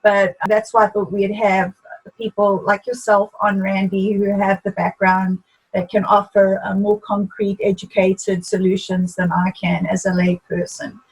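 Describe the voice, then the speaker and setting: A woman hosting a conversational interview, speaking in a halting way with frequent pauses and fillers. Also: medium pitch, level tone, slightly rough, poor audio. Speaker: host. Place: video call.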